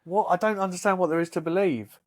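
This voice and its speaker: A man in his late thirties chatting on a podcast with a mate. He swears freely and his voice shoots up high whenever he gets worked up in an argument. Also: fast talker. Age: 30s. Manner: sweary, jumps to a high pitch when arguing. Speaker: podcast co-host. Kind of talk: casual chat.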